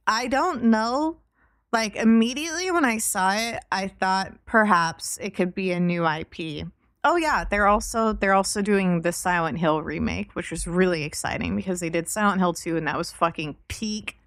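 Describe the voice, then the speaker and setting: A woman streamer in casual chat, speaking at an unhurried pace in a mid-range voice. She sounds relaxed and informal, and the recording is close and dry, with very little room sound. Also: mid-range voice, no room sound. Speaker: livestreamer and VTuber.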